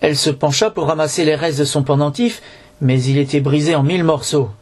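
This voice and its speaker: A man's voice: fairly high pitch, steady tone, fairly quick. A man reading a storybook aloud in French, narrating with occasional slips and restarts.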